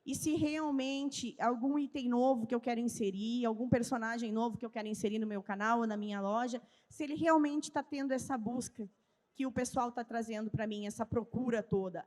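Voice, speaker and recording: A slightly high, slightly mellow female voice with a gaúcho accent from southern Brazil gives a teaching-style conference talk at a trade fair. She raises questions and then answers them herself. The audio, made in a large event hall with a live audience, has long reverb.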